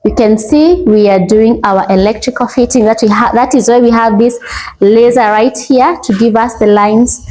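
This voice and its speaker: A woman with a Kenyan accent presents an informal house tour in a fairly high voice. She speaks approvingly as she shows off one feature after another, in the unscripted style of a property walkthrough. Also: moderate pace, mellow, poor audio. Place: indoors in an unfinished house.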